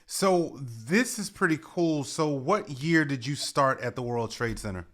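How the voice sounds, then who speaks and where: Podcast host, man in his forties, mid-pitched, asks rambling questions and keeps restarting. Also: lively intonation, a little slow, fairly bright tone. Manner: rambling, self-correcting questions. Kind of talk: conversational interview.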